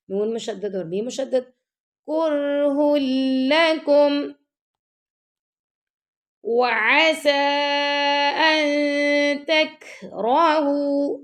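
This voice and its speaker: A woman teaching Quran recitation step by step, reciting verses slowly and drawn out, then briskly explaining the rules. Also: a little high. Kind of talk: step-by-step tajweed lesson.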